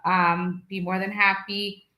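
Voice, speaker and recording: A woman from Guyana, a lawyer hosting a live video question session from her office, answering viewers briskly and reading out phone numbers slowly. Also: medium pitch, level tone, pushed and bright, echoey room, rough recording. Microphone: video call setup.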